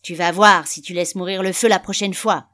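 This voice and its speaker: A woman voicing a harsh, drunken father who shouts and threatens in a loud, barking voice, read as a story. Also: lowish voice, expressive, normal speed. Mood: furious shouting. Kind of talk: storybook reading.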